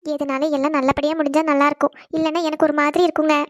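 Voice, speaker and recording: A woman voicing an anxious young wife in a cartoon who speaks quickly. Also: sits high, little pitch movement, no echo, studio quality, voice pushed down, close to an everyday voice. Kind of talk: cartoon voice acting.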